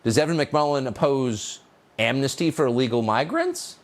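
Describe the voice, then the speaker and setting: A man's voice: medium pitch, animated, moderate pace. A middle-aged man hosting a news show, delivering an opinion monologue in a sarcastic, mocking, incredulous way. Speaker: host.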